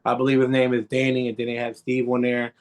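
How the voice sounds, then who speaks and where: A man's voice: mid-range voice, monotone, fast talker. A man co-hosting a sports podcast, affirming and agreeable in a casual back-and-forth. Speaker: podcast co-host.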